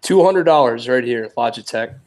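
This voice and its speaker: A man co-hosting a casual live stream over a remote call, complaining in a wry, deadpan way. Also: medium pitch, normal speed, low-quality recording.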